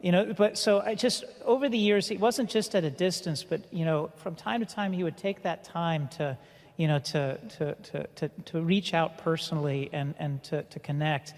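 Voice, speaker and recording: Halting middle-aged man in a reverberant hall. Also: a little high, steady tone. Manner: halting, many restarts and fillers. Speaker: panel speaker. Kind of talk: personal story at a conference panel.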